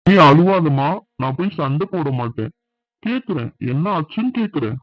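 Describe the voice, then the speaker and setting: A man's voice: a little high, sing-song, normal speed, dry recording, muffled recording. A firm fatherly father-in-law. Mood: soothing. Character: older father-in-law, kind but firm. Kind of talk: cartoon voice acting.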